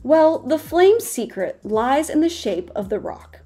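A young woman hosting a science video, narrating a script in an earnest, gently wondering way straight to her viewers, close to a studio microphone in a small home studio. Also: high-pitched, big pitch swings, a little slow, faint music behind. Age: young adult. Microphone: large studio mic in front of her.

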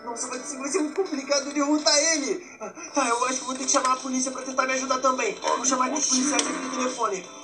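High-voiced excitable Brazilian gaming man. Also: fast, few pauses, rough recording. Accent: Brazilian Portuguese. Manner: excitable, frequent shouts and exclamations. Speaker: gameplay commentator. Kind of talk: excitable let's-play commentary. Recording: loud game music behind. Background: loud game music.

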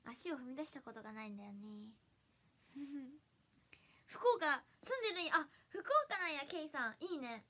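A woman's voice: sits high, lively intonation, moderate pace, bright, forceful tone. A young woman from Hiroshima with a Hiroshima accent, chatting casually with viewers on a livestream, giggly and bubbly with frequent laughter. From Hiroshima, Japan. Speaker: idol livestreamer. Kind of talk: casual livestream chat reading viewer comments.

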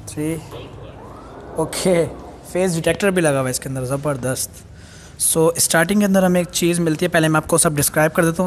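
A young man from Pakistan giving an excited walking tour of a large gym as a fitness vlogger, filming on a handheld phone. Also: on the high side, slight background noise. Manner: excited, enthusiastic, mixing in English phrases. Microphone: handheld phone camera. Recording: long hall reverb, faint ambience.

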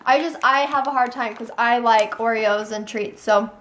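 A young woman chats to a handheld camera in a bright, high voice, bubbly and talkative. She laughs easily and keeps things casual and upbeat, with a faint hiss of noise behind her. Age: young adult. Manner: bubbly, chatty, quick to laugh. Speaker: vlogger. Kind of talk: casual chat.

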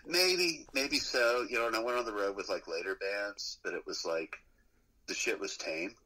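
Very deep-voiced man telling road stories. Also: normal speed, pushed and bright, low-quality recording. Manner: profane, rambling, laughing storyteller. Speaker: musician guest. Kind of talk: casual storytelling interview.

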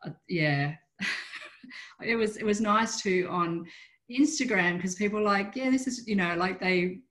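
A woman's voice: medium pitch, moderate pace, fairly bright tone. A middle-aged Australian woman, an artist chatting informally in an interview, rambling and trailing off mid-sentence, on a video call from a room at home. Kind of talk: casual interview chat. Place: small room at home, indoors.

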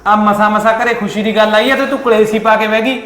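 Protective, impatient husband-brother, played by a man; a high voice for a man, recorded in a reverberant room. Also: steady tone, fast talker, a bit bright, a little hiss or hum. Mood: scolding. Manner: scolding, impatient. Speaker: actor in a short film. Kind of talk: melodramatic short-film acting. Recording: echoey room with long reverb.

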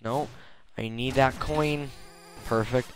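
A man playing a video game and talking over it on a home stream, excitable and quick to swear and yelp. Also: medium pitch, slight background noise. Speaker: gameplay streamer. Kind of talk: casual let's-play commentary. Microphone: desk microphone.

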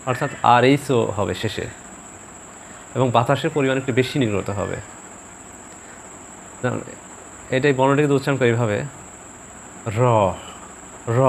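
Man giving a slow pronunciation lesson. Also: mid-range voice, creaky, slight background noise. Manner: slow, deliberate, repeats example words for practice. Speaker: Bengali pronunciation teacher. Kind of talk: instructional video lesson.

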